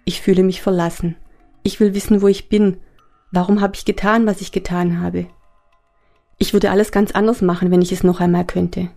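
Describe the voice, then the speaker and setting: A woman narrating a story in the first person, calm and introspective. Her voice is low, dark and mellow, with a gravelly rasp running through it. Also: moderate pace, faint music behind.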